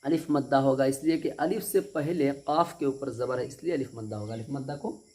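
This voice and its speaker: A man's voice: medium pitch, darkish tone. A man teaching a Quran reading lesson step by step, repeating each point and often checking that the students understood. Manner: patient, repetitive, keeps asking if students understood; stretches out syllables slowly when demonstrating.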